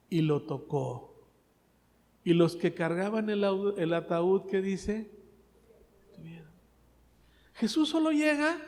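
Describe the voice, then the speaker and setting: A man preaching a sermon, asking the congregation questions and swinging between loud and soft. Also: sits high, in a large hall. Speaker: pastor.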